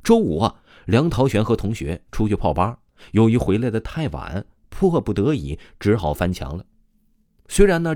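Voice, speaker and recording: A man telling a ghost story in a casual, chatty way, with lots of drawn-out particles. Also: fairly low pitch, warm tone, no echo, studio quality.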